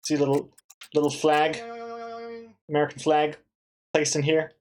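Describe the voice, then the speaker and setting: A man in his thirties livestreams while drawing, chatting casually and self-mockingly with his chat. His voice is fairly high and a little mellow, monotone and unhurried.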